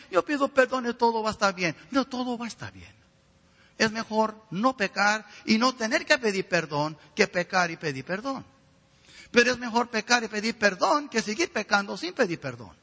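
A man's voice: high-pitched, bright, forceful tone, in a large hall. A man preaching a sermon with fervor, often turning to ask the listeners direct questions.

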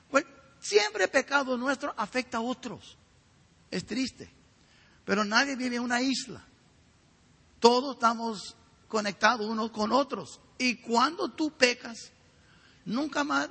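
A middle-aged male pastor preaching a sermon with a raspy, gravelly voice and emphatic rhetorical questions. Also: high voice, sharp tone. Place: church sanctuary. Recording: reverberant hall.

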